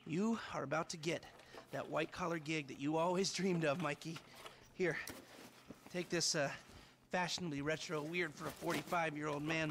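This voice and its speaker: A scheming middle-aged hacker spits out profane, sardonic rants in a game cutscene. His voice sits a little high and grinds with gravel. A faint hiss runs under it. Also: fairly bright tone. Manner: sneering, profane ranting. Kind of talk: video game dialogue.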